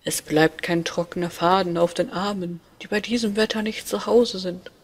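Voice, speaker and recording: A woman voicing a kind, gentle old man poet who speaks slowly and caringly in a read-aloud fairy tale. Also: fairly low pitch, steady tone, breathy edge. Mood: kindly. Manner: warm, slow and caring.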